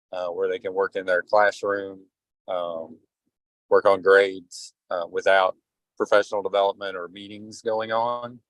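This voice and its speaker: A very deep-voiced man calls in over a car speakerphone while he drives. He speaks slowly and without hurry, and his voice sounds dry and close. He briefs a school board in a halting way, full of fillers. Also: dry recording, rough recording. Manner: halting, filler-heavy delivery. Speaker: school district administrator. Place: in a moving car.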